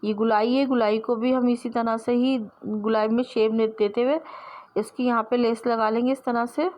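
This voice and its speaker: A woman's voice: on the high side, fairly even intonation, moderate pace, darkish tone. A woman teaching sewing step by step, explaining patiently and repeating herself as she works with her hands.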